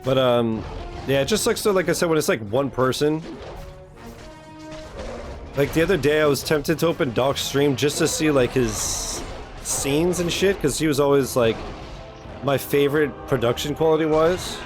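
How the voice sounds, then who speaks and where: A man with a somewhat high voice, speaking at normal speed, chats casually on a live stream while reacting to a game. He's blunt and slangy, swears freely, and game music plays in the background.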